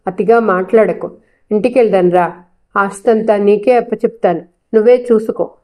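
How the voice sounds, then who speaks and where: A woman's voice: mid-range voice, fairly even intonation, normal speed, dark tone, lightly acted. A woman voicing a proud, stern young husband who speaks with clipped, restrained anger.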